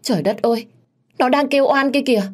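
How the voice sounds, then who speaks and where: A woman's voice: sits high, fast talker, pitched above the performer's own voice. A woman playing a cunning young wife feigning fear. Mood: fake dread.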